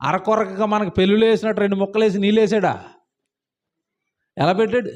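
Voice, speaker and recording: A man's voice: high voice, fast talker. A man preaching a sermon in church, firing rhetorical questions at the congregation and repeating phrases for emphasis. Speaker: pastor.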